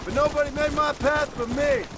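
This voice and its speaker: An actor playing a stoic, world-weary cowboy with a drawling American accent in a western video game. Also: male voice, very high voice, steady tone, normal speed, background noise. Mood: resigned. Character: stoic, world-weary male cowboy outlaw, dry and polite.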